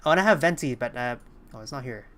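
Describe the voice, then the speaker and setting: A young woman streams a game with game music playing, chatting casually and thinking aloud with some hesitation. Her bass voice is expressive and she talks fast, with slight background noise.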